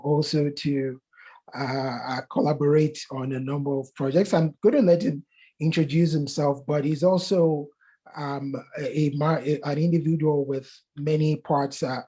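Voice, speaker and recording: A man's voice: a little high, warm tone, breathy edge. A man hosting an online webinar, talking earnestly with many fillers and restarts. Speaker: webinar host. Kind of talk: casual webinar talk.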